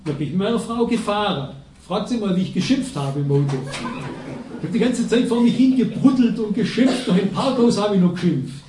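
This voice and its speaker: A man's voice: sits high, mellow. Male preacher, emphatic storytelling, echoey church hall, heard from a distance. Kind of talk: sermon.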